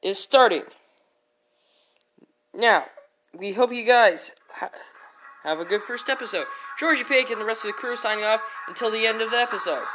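A woman's voice: on the high side, normal speed, long pauses, a bit bright, rough recording. A woman voicing a little boy pig who hosts the show, chatty and hesitant. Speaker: host.

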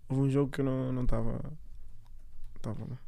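A young man of eighteen answers casually as a podcast guest. His voice is noticeably creaky and recorded very dry, and his replies come short and hesitant. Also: mid-range voice, little pitch movement, fast talker, warm tone, dry recording. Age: 18 years old. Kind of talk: casual interview chat.

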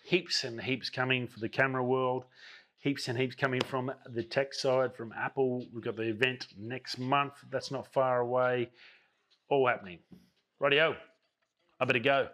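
A man talks about camera gear in a loose, enthusiastic, off-the-cuff way. He sounds out of breath as he walks and talks through his daily vlog, and his voice sits at an ordinary middle pitch. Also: flat delivery, normal speed, a bit bright. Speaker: vlogger. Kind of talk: casual chat about camera news.

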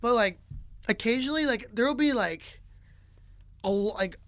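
A man's voice: extremely high pitch, animated, moderate pace, a bit bright. A young man co-hosting a casual podcast, rambling through a story with lots of filler words. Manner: rambling, heavy use of filler "like". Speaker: podcast co-host. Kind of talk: casual chat.

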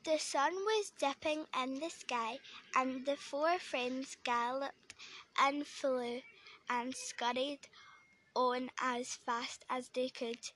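A woman reading a children's story aloud, gentle and unhurried, with small slips. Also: high-pitched, steady tone.

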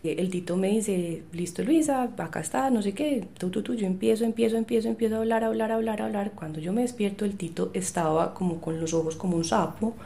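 A woman's voice: mid-range voice, quick pace, vocal fry, hardly any pauses, mellow. A woman, telling her story as an interview guest and acting out the dialogue she recalls. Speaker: medium, podcast guest.

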